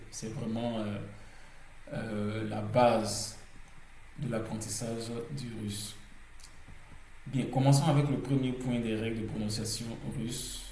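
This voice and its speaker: A man's voice: mid-range voice, a little mellow, reverberant, a little hiss or hum, rough recording. A man teaching a language lesson in French, explaining pronunciation rules step by step with frequent hesitations, repeating words to drill them.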